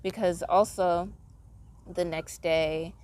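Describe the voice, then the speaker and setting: A woman's voice: fairly low pitch, steady tone, slow, darkish tone, slight background noise. A tired woman chatting casually to camera in a meandering way, filling her talk with "like". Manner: meandering, heavy use of "like" fillers. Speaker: vlogger. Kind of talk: casual rambling monologue.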